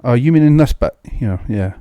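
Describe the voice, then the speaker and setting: A man's voice: mid-range voice, animated, normal speed, warm tone, no echo, muffled recording. A Scottish man streaming a video game, chatting casually and musing aloud about what he sees. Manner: chatty, muses aloud, restarts words. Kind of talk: casual gameplay commentary. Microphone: new studio mic.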